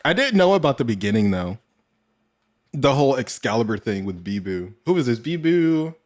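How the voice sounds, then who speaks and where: A man's voice: mid-range voice, sing-song, normal speed. A man hosting a reaction video, chatting casually, laughing often and swearing freely.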